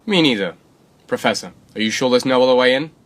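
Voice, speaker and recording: A man's voice: mid-range voice, lively intonation, fast talker, fairly bright tone, close to an everyday voice. A man playing a terse, loyal field agent with a businesslike manner in a spy film. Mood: resolute. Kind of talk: scripted dramatic acting in a spy film. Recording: background music under the voice.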